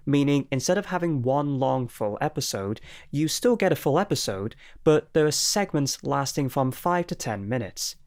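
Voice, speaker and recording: A man's voice: mid-range voice, darkish tone. Man giving a dry, sarcastic anime review. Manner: dry, lightly sarcastic delivery. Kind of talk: scripted review narration.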